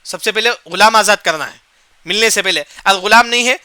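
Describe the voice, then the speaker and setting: A man's voice: sits high, sharp tone, clean tone, no room sound. A man giving a Quran commentary lesson. He asks and answers his own questions, repeats key points, and recites short Arabic verse phrases before explaining them. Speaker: Quran teacher.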